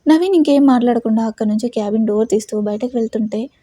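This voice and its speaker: A woman's voice: fairly high pitch, fast, mellow, no room sound. A woman narrating a romantic audio story in a dramatic storytelling manner.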